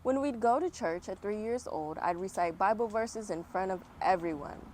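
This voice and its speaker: On a fall day outside, amid traffic and outdoor ambience, a woman reads aloud from a picture book and chats encouragingly with young viewers. Her mid-range, darkish voice moves at a moderate pace with lively intonation, though the audio is poor.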